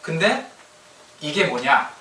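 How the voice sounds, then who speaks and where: A man's voice: on the high side, sing-song, slow, sharp tone, a little hiss or hum. A man preaching a casual sermon, teasing the congregation and asking them questions. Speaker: pastor. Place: church sanctuary. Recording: echoey church hall from a distance.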